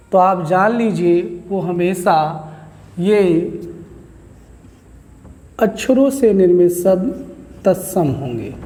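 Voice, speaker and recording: A male teacher lectures on grammar in a slow, unhurried way, setting up each question and then answering it. His voice carries a long reverb, as if the room around him is big and hard-walled. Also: high voice, mellow. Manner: explains slowly, asks questions and answers them himself. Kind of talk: classroom lecture.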